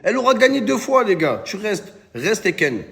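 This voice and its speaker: Animated gravelly joker. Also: male voice, high voice, moderate pace. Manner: animated slangy storytelling, addresses viewers as "les gars". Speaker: comedian. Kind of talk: comic monologue to camera.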